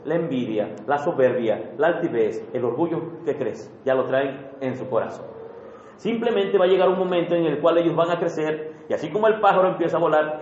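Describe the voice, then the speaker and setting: A man's voice: fairly high pitch, a little hiss or hum. A man preaching a sermon in a conversational way, often putting questions to the congregation. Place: church hall. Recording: roomy, dull church recording.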